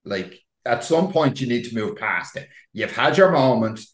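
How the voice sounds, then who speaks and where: A man's voice: medium pitch, animated, normal speed. An Irish-accented man hosting a podcast, chatting casually with emphatic, sweary exaggeration. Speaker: podcast host. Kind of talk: casual gossip chat. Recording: roomy, echoey sound.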